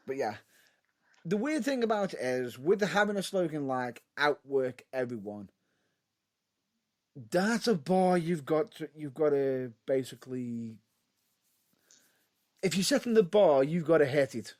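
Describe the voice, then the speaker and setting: Animated man steering a podcast. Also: a little high, unhurried, pauses often. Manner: laughs often, steers the talk. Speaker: podcast co-host. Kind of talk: casual chat.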